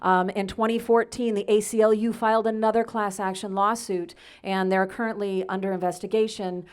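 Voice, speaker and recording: A woman panelist with a mid-pitched voice who talks briskly, like a lecturer laying out evidence. She moves quickly from point to point, stacking facts and dates. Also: little pitch movement, clear, resonant tone. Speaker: panelist, academic. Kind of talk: panel discussion. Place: event panel before an audience.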